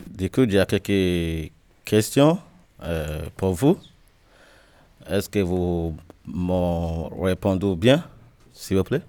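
A man's voice: low voice, expressive, extremely slow, pauses often, dark tone, dry recording. A man from Nigeria asking questions in a group, hesitant and often restarting his sentences. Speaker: interviewer. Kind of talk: casual interview in a group.

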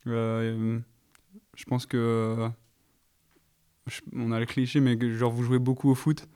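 Tentative man with smooth, mellow voice. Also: mid-range voice, flat delivery, slow. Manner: tentative, restarts often. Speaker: interviewee.

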